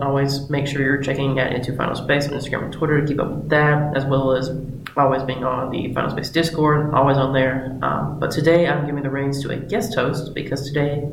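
A sick man opening his podcast in a relaxed, chatty way, recorded in an unfinished home studio with a cave-like echo. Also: medium pitch, vocal fry, slight background noise. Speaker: podcast host. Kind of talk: casual podcast intro.

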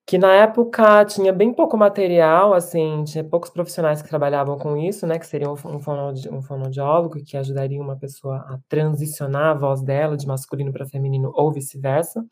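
Woman in her 30s, low mellow voice, a reflective musician interviewee. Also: level tone, a little fast, few pauses. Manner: reflective, with many restarts and tag questions. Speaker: musician and performer being interviewed. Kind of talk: casual interview talk.

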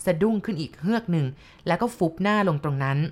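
A woman reading a ghost story aloud as scripted narration, at a measured, unhurried pace. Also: fairly low pitch, lively intonation, darkish tone.

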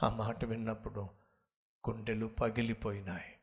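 Middle-aged male pastor, sermon delivery with dramatic loud-soft swings. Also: lowish voice, level tone, moderate pace. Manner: preaching with sudden loud rises and hushed drops.

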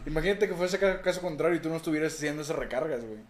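A man's voice: fairly high pitch, expressive, racing. A young Mexican man in casual podcast banter, joking crudely and giving examples. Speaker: podcast co-host.

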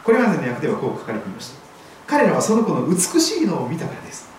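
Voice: medium pitch, wildly swooping pitch, quick pace, a little mellow, slight background noise. A pastor giving a sermon, telling a scripture story vividly. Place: church hall. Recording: very echoey hall, voice far from mic.

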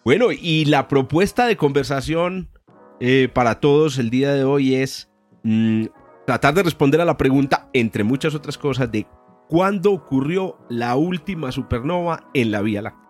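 A man's voice: mid-range voice, animated, moderate pace. A male podcast host with a mid-range voice. He chats and explains science informally, like a professor, with faint music behind him. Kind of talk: casual, educational science chat.

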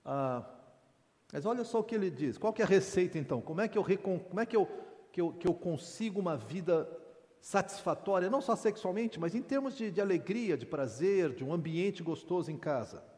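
Man, middle-aged, casual sermon, humorous asides, slightly high voice, long hall reverb. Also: animated, a little fast, darkish tone. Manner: informal and candid, with humorous asides and restarts. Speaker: preacher at a men's meeting. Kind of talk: conversational sermon.

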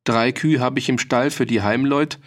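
A man's voice: mid-range voice, fairly even intonation, close to an everyday voice. A man voicing a proud, stubborn farmer who speaks in earnest, rustic turns of phrase. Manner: measured, earnest, rustic dialect speech.

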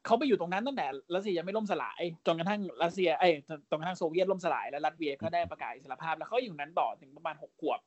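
A man in his thirties rattles along at a rapid clip as he co-hosts a laid-back podcast. He's brash and animated, swears without a second thought and tosses in quick mocking impressions, all captured close and dry with no room sound. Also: sits high, dry recording, dull audio. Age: 30s. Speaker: podcast co-host. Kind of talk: casual podcast chat.

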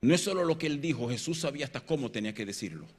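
A man preaching a sermon, swinging between loud emphatic peaks and quiet low passages and joking with his congregation. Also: animated, very fast. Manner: jokes and banters with the congregation.

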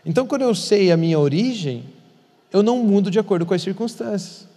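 A man's voice: high-pitched, animated, quick pace, mellow. A man who is a pastor, teaching in an earnest conversational way and repeating words for emphasis. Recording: long hall reverb.

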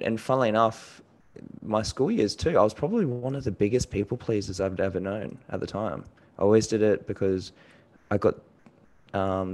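Young male interview guest from New Zealand, fairly deep voice, thoughtful, sincere, matey and casual. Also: a little mellow. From New Zealand, moved to Australia at five. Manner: earnest, introspective, informal with "mate" and "man". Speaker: podcast guest, customer experience designer. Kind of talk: reflective personal interview.

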